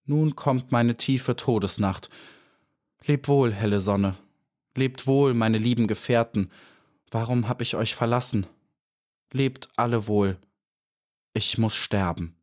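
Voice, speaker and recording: A man voicing a brave, proud little female bee in a storybook reading, with a high, eager, earnest voice. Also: slow pace, long pauses, a little mellow, natural voice. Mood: sorrowful.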